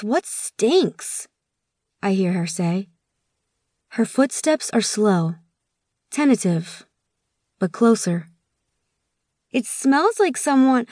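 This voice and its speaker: A woman's voice: mid-range voice, warm tone, no echo, studio quality. A woman narrating a first-person short story as an audiobook, in a weary, subdued voice. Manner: weary, subdued inner monologue.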